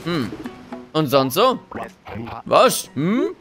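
A man's voice: fairly high pitch, big pitch swings, extremely slow. A man chatting casually to viewers while he plays a life-sim game, joking as he goes. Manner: chatty, jokey, talks to viewers. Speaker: let's play host. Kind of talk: casual gameplay commentary. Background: game music.

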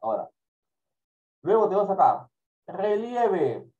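Man, schoolteacher, slow careful explaining, slightly raised pitch, muffled lo-fi sound. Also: very animated, dark tone. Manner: slow, repetitive, checks in with "¿ya?". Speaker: primary school teacher. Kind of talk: online class lecture.

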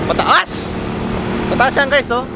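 A man with a Filipino accent hosting a casual hiking vlog outdoors, excited and whooping. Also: very high-pitched, gravelly, heavy background noise. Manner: excited, loud whoops and laughs. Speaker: vlogger host. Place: outdoors on a hillside trail.

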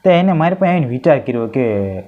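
A man telling a string of jokes, lively and mimicking the voices of the people in them. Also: mid-range voice, fast. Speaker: stand-up comedian telling jokes. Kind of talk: joke-telling monologue. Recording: dull lo-fi sound.

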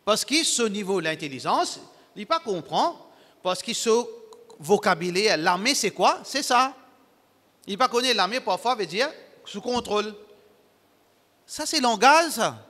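A man preaching to his congregation, emphatic and repetitive, in broken, halting phrasing. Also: high voice, expressive, sharp tone, in a large hall. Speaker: Islamic preacher. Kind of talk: sermon to a congregation.

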